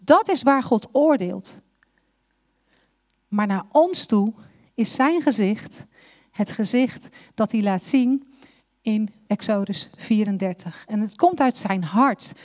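High-voiced woman preaching slowly. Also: darkish tone. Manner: emphatic, with repeated rhetorical questions. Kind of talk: sermon.

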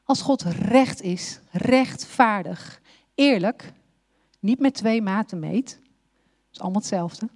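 A woman's voice: medium pitch, takes it slowly, a little mellow. A woman preaching a sermon, emphatic, with repeated rhetorical questions.

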